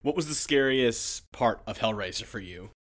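A man hosts a casual conversation in an even, unhurried way. He sounds amused and drops in trivia. His voice sits in a mid range. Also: medium pitch. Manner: calm, amused, offers trivia. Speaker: podcast host. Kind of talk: casual chat.

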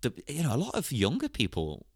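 A man chatting on a podcast, animated and quick to laugh. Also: mid-range voice, creaky, breathy edge, no echo, studio quality. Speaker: podcast panelist. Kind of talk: casual chat.

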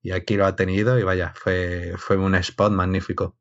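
Man, lowish voice, conversational wrestling analyst, slightly dull lo-fi recording. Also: level tone, normal speed. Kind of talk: casual wrestling analysis chat.

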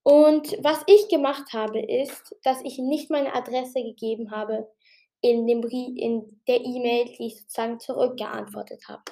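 A woman's voice: on the high side, fairly even intonation, creaky, dark tone, a little hiss or hum. A woman giving casual, rambling tips on her own show, with many fillers and restarts. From outside Germany. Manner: says she talked a bit fast. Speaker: podcast host giving tips. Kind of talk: casual spoken explanation.

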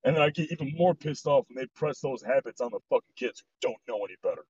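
A man's voice: mid-range voice, expressive, quick pace, a little mellow. A man hosting a podcast, talking bluntly and heatedly with heavy swearing over a dull, lo-fi voice call. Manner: heated, swears heavily, ranting. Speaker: podcast host. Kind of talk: blunt, profane casual chat. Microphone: voice chat mic.

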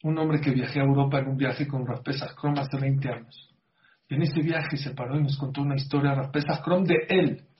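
A man's voice: mid-range voice, steady tone, normal speed. Earnest middle-aged man preaching a story. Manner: earnest, addresses the audience directly with questions. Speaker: religious speaker on a show. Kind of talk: storytelling sermon. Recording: slightly muffled lo-fi audio.

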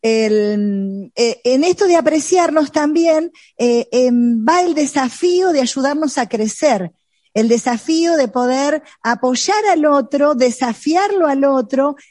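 A woman's voice: high voice, darkish tone, dry recording, studio quality. A woman co-leading a sermon on marriage, speaking earnestly with some hesitations. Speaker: co-preacher.

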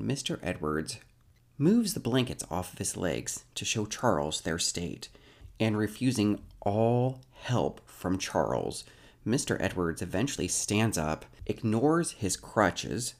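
A man's voice: lowish voice, a little mellow. A man casually recapping a TV episode, dropping wry asides and jokes.

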